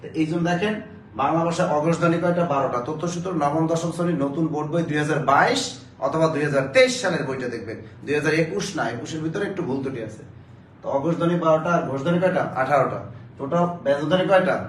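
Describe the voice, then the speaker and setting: A man teaching a live online Bangla grammar class, urging viewers to answer quickly and drilling facts through repeated questions. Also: fairly high pitch. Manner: urgent, coaxing viewers to answer fast. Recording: roomy, distant mic, faint background noise.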